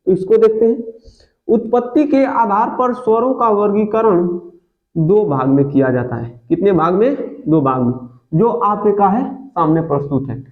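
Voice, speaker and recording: A man teaching a grammar lesson for exam students, asking questions and answering them himself, and stretching vowels to demonstrate them. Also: high-pitched. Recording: dull lo-fi audio in an echoey room.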